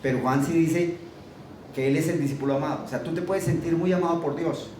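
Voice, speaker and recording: Male preacher, earnest repetitive sermon, mellow tone, distant mic in a reverberant room. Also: a little high, fairly quick, a little hiss or hum. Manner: earnest, repeats phrases for emphasis. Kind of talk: sermon with scripture reading.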